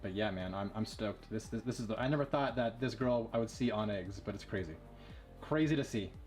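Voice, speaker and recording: A man breeding ball pythons, talking casually and quickly with lots of fillers as he shows his snakes. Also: fairly low pitch, darkish tone, faint music behind. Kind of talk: casual vlog showing animals.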